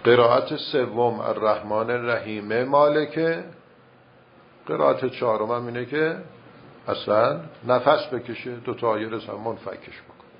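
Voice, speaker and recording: A man teaching recitation rules in a measured, step-by-step way, reciting verse examples as he explains. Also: medium pitch, creaky. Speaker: religious teacher. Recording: muffled lo-fi recording with faint noise.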